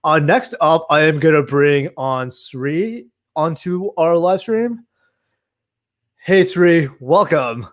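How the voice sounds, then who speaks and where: Hosting a Python programming meetup livestream on a video call, he keeps the interview informal and friendly, dropping plenty of "uh" and "like." His voice is a little high and animated, and he speaks slowly.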